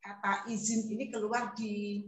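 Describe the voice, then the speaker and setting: A woman's voice: medium pitch, level tone, unhurried, slight background noise. A woman primary school teacher, giving a chatty classroom lesson and acting out her pupils' lines. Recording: echoey room, voice from far off.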